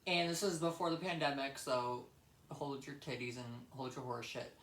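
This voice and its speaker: The recording carries a little hiss or hum and room echo as a young adult vlogger, mid-range and fairly bright, talks at a normal speed. The storytelling wanders casually, swears freely, and hammers points home bluntly by repeating them.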